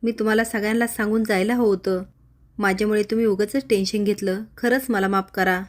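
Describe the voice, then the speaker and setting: Woman reading a soft apologetic young wife. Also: mid-range voice, steady tone, brisk, natural voice.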